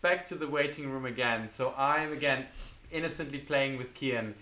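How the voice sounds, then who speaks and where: A man shares a personal story on a vlog in a relaxed conversational tone. He stops and restarts often and leans on fillers. The room gives his voice a noticeable echo. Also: mid-range voice, moderate pace. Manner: hesitant, many fillers and restarts. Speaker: vlog co-host. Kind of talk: casual storytelling. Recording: echoey room.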